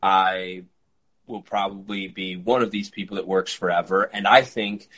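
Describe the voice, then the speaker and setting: A man in his early thirties hosting a podcast interview, eager and quick, with frequent fillers. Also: low voice, fairly even intonation, fairly bright tone, rough recording. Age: 30s. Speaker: podcast host. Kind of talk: conversational interview.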